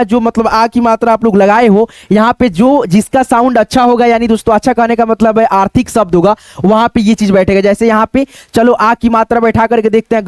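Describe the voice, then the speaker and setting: A male English teacher with a very high, smooth voice gives a spelling and pronunciation lesson at a digital board in a classroom-style video, recorded dry. He often calls viewers his friends, repeats each word, and asks and answers his own questions.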